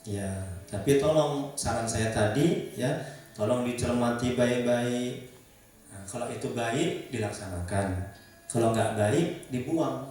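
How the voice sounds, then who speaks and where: An Islamic preacher leading a ruqyah session counsels a small congregation, speaking slowly at medium pitch in a gentle, repetitive manner and often posing questions to them. The recording has an echoey room, a distant mic, and faint music.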